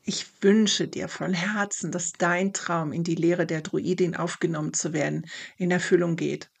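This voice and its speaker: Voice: mid-range voice, steady tone, normal speed, gravelly, slightly rough. A storyteller voicing an eager young village girl. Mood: heartfelt. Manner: encouraging, heartfelt. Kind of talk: storybook narration.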